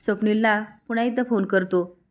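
A woman's voice: mid-range voice, steady tone, a little fast, natural voice. A woman voicing a worried elderly family patriarch in a plain reading voice.

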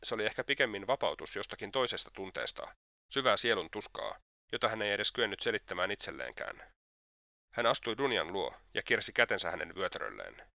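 Deep-voiced man reading an audiobook. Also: animated, vocal fry, sharp tone, no echo, clean studio sound. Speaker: audiobook reader. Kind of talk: audiobook narration.

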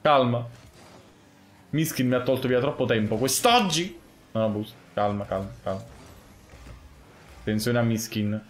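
A young man commentating his own gameplay live, muttering one moment and yelling the next. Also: mid-range voice, measured pace, long pauses, reverberant. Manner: excitable, swings from muttering to yelling. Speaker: gaming streamer.

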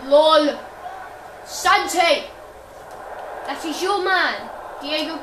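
A woman's voice: high-pitched, a little slow, roomy sound, far from the mic, background noise. A woman commentating on her own football video game, exclaiming at the screen as she plays. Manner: excitable, frequent exclamations at the screen. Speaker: gaming channel host.

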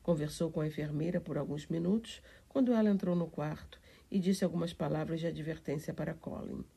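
Low, husky woman reading a story. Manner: calm, measured storytelling. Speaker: audiobook reader. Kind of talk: scripted narration.

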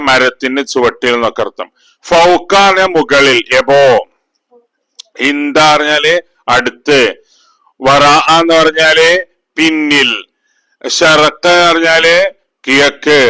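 A male teacher giving an exam revision lesson, with a slightly high and bright voice. He speaks slowly, repeats each term and keeps asking his pupils questions. The sound is dry and close. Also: clear, resonant tone, dry recording, poor audio. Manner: chants grammar rhymes slowly. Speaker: Arabic teacher.

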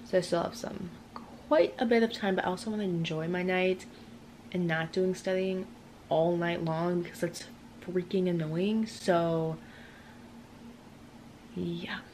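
A young adult woman, a college student, vlogs her day at home and at work, chatting casually and relaxedly to a phone camera held close. Her lowish voice moves at a measured pace with long pauses and sometimes trails off softly. The audio is poor, with slight background noise, recorded indoors in a small apartment and an office.

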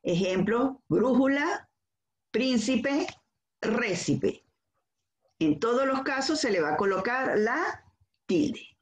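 A woman's voice: a little high, very animated, takes it slowly, pauses often. A woman teacher with a Venezuelan accent giving a school lesson. She explains carefully, stepping through examples and asking questions that she then answers. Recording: echoey room.

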